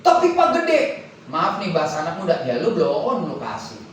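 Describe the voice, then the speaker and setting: Male pastor, joking and blunt with the crowd, big echoey church hall, lively up-and-down voice. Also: fairly high pitch, moderate pace, recorded from a distance, slight background noise. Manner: joking, blunt, talks straight to the congregation. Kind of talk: sermon.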